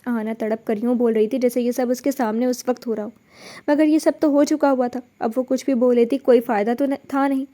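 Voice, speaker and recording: A woman narrating a dramatic novel in an expressive, emotional style. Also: on the high side.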